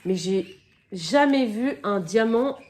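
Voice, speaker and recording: A woman chatting casually through an unboxing, her voice a little croaky from a cold, filling pauses with "donc" and "euh" and stopping now and then to cough. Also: medium pitch, expressive, a little mellow. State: has a cold, slightly croaky voice. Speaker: crafting vlogger.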